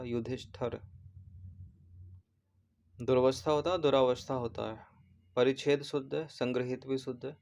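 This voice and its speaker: A man's voice: mid-range voice, a little mellow. A man, an exam prep teacher who goes through test answers and patiently repeats and corrects spellings.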